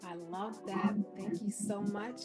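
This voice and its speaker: A woman's voice: mid-range voice, fairly even intonation, slow pace. A woman hosting an interview show, affirming and upbeat as she thanks her guest and signs off. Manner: warm and affirming. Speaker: podcast host. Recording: music in the background.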